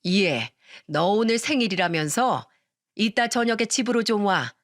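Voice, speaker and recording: A woman's voice: mid-range voice, lively intonation, a little slow, no echo, studio quality, close to an everyday voice. A woman voicing a pushy, scheming middle-aged mother-in-law in a narrated radio story, demanding and accusing. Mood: coaxing.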